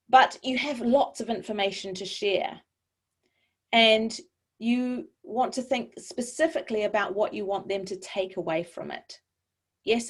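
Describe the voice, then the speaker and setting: A woman from New Zealand, her accent softened by long years in Europe, coaching a webinar audience in a clear, measured, encouraging way over a video call. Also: fairly high pitch. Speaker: webinar presenter. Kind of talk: online presentation coaching.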